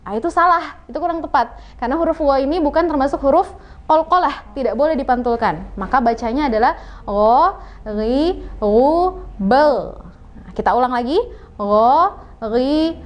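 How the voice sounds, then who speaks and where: Woman teaching Quran pronunciation, slightly high voice. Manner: patient, demonstrating sounds slowly and repeating them. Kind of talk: televised religious lesson.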